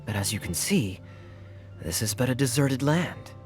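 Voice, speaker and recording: In this game cutscene, the sly, charming young knight captain speaks with a mid-range, fairly natural-sounding voice at normal speed, with lively intonation and a teasing, wry edge. Faint music plays underneath.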